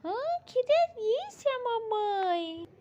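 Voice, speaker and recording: A sweet little girl doll with a very high, childlike voice that turns whiny and pleading, as a woman puts her on. She talks slowly, and the recording is slightly dull with a faint hiss. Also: sing-song, warm tone, full character voice.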